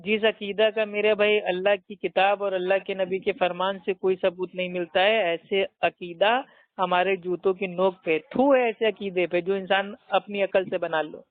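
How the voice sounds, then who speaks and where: A man's voice: high voice, steady tone, moderate pace, no echo. An Indian man arguing heatedly and mockingly over the phone, preaching and insulting his opponent. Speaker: debater. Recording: tinny dry phone line.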